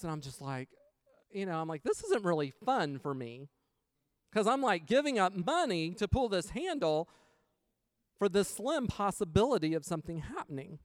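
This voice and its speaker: Man preaching a testimony, casual storytelling, somewhat high voice, smooth resonant tone, dry close sound. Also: no echo. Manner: animated storyteller, acts out quotes.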